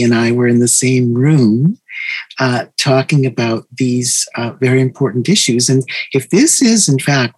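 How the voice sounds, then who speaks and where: A middle-aged woman from the Midwest speaks on an online panel. She works through a list of facts at a measured pace, pausing often with "uh". Her voice sounds close and dry. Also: rumbling low, darkish tone, breathy edge, dry recording, low-quality recording. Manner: measured, fact-listing, with frequent "uh" pauses. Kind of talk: self-introduction on a panel.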